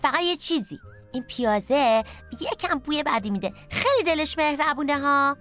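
A cheerful, bossy storybook potato, voiced by a woman with a raised, bright voice. Chatty and lively, with soft music under it. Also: sits high, pitched above the performer's own voice. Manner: chatty and lively, leading the group. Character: cheerful bossy potato, plump, many-eyed.

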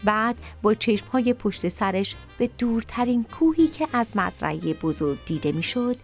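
A woman narrating a children's story in an expressive, animated way. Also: a little high, faint music behind.

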